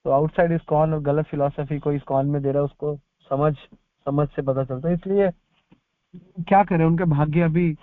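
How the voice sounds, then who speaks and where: A man's voice: on the high side, steady tone, normal speed, dry recording. A man giving spiritual advice in answer to a devotee's question, repeating his points for emphasis. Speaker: spiritual counselor. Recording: tinny dry phone line.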